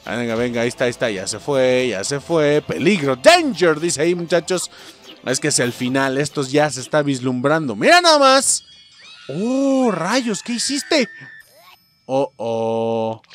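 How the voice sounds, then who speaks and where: Young man, Mexican accent, gameplay commentary, swings wildly in pitch, slightly high voice, curses, faint game music. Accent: Mexican Spanish. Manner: animated, swears often, keeps addressing viewers as "muchachos". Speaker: gameplay streamer.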